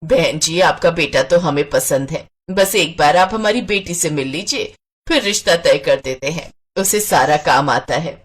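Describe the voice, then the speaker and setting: A woman voicing an older mother-in-law in a cartoon story, speaking in a lower, motherly way. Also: measured pace, husky.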